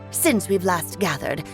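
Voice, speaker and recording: A woman's voice: fairly low pitch, exaggerated voice. A woman voicing a video game witch who imitates a lofty old hag with archaic, pompous speech. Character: playful mother witch mimicking a pompous old sorceress. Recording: music behind the voice.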